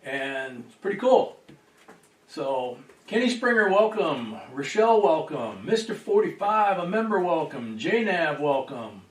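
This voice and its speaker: A man hosting a casual livestream and greeting viewers, sounding distant from the boom microphone. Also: sing-song, measured pace. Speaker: livestream host. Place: indoors at a table. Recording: roomy echo, distant microphone.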